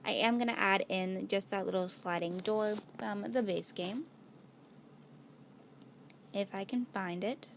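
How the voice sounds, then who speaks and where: A woman with a tired, slightly worn voice from losing it, chatting casually as she narrates a build video. She talks at a middling pitch and thinks aloud as she works, peppering her talk with "like" and "gonna go ahead". A faint hiss sits under the voice. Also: unhurried, creaky, long pauses. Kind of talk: casual gameplay voice-over.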